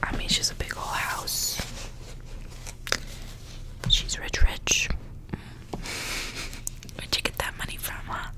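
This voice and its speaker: Whispering throughout with no full voice at all, the ASMR channel's host reads stories in a hushed way and drops in relaxed, chatty asides between the narration. Her pace is slow, with frequent pauses.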